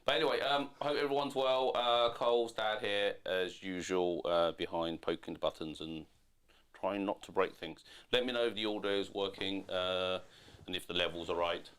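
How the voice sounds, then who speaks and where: A middle-aged man with a notably low, deep voice chats casually off camera. He rambles, restarts his sentences and corrects himself as he goes. He sounds like a dad handling the technical side of a home livestream. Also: fairly even intonation, moderate pace, a bit bright, clean tone. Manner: chatty, rambling, self-correcting. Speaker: father running the livestream tech.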